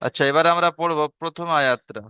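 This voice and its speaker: A man teaching Quran reading with a Bengali accent, spelling out letters and vowel marks, then chanting each verse slowly and asking learners to repeat after him. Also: fairly high pitch, fairly even intonation, sharp tone, smooth, dry recording, highs cut off. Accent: Bengali, from eastern India. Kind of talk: online Quran reading lesson.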